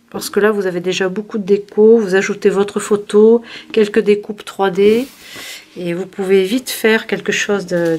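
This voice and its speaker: A woman's voice: mid-range voice, darkish tone, a little hiss or hum. A woman hosting a craft channel, chatting casually through a product review with many fillers and restarts. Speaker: scrapbooking channel host.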